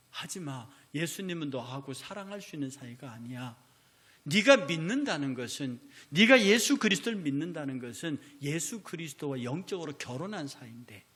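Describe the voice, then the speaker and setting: A man preaching a Sunday sermon as pastor, telling stories and acting out the dialogue. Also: on the high side. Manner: animated storytelling, acting out dialogue. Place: church sanctuary.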